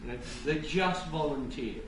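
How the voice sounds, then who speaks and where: Echoey, rushed male lightning-talk speaker. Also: on the high side, lively intonation. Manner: halting, with stammered word repeats. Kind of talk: live public presentation with wry asides. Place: indoor event room with an audience. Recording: echoey noisy room, distant mic.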